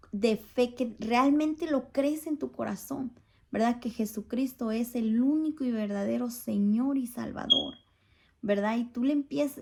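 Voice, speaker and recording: Earnest woman giving church testimony, gravelly edge. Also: on the high side, a little mellow. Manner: earnest, pleading, asks listeners for agreement. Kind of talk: spoken testimony to a congregation.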